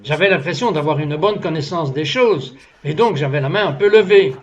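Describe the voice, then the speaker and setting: Earnest high-pitched male dub voice telling a testimony, dull lo-fi sound. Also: normal speed. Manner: earnest storytelling, acts out the dialogue of his story. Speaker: interview guest telling a testimony. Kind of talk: French voice-over dub of a testimony.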